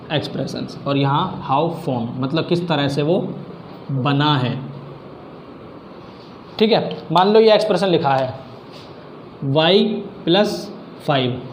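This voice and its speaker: In an echoey space with faint background noise, a man teaches math informally, explaining each step and using English math terms. His voice sits on the high side, and he goes slowly with frequent pauses.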